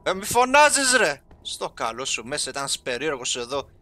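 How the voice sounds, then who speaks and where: Bright-voiced excitable young gamer man. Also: a little high. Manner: excitable, talks to viewers, sprinkles English game terms. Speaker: gaming YouTuber. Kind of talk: casual let's-play commentary.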